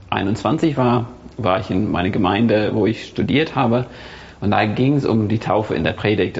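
A low, gravelly man with an English accent talks in a husky voice, pausing often with fillers. He is a guest in a relaxed discussion, heard through a dull, lo-fi recording. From England. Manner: hesitant, many fillers. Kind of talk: casual discussion.

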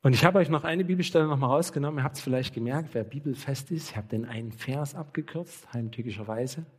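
A male pastor preaches a sermon in a lively storytelling manner and acts out bits of dialogue as he goes. He turns often to speak straight and earnestly to the congregation. His voice sits at a middle pitch for a man. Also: fast talker, slightly rough. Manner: addresses listeners directly and earnestly.

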